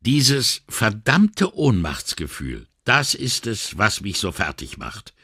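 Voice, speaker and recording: A man's voice: lowish voice, sing-song, takes it slowly, bright, forceful tone, breathy edge, dry recording, studio quality, voice pushed up, full character voice. A man voicing a weary, indignant middle-aged male police inspector in an audiobook, sighing and exasperated. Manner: sighing, exasperated and morally upset. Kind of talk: audiobook character reading.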